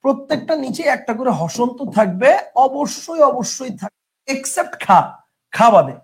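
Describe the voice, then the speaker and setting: Young male teacher, high voice, drills lists by rote and quizzes the room. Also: very animated, moderate pace, creaky. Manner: drills by chanting lists, asks and answers own questions. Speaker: grammar teacher. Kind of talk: classroom lecture.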